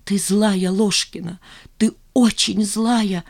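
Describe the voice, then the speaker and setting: A woman's voice: mid-range voice, fairly even intonation, slow, darkish tone. A woman voicing a hysterical, tearful young office worker who shrieks and sobs. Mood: sobbing. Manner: shrieking, sobbing. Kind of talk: audiobook character voice.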